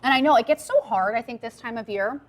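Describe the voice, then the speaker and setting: A woman's voice: a little high, fast talker. Upbeat woman TV shopping host. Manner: upbeat, chatty, salesy, repeats item numbers. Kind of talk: live TV shopping pitch. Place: TV studio.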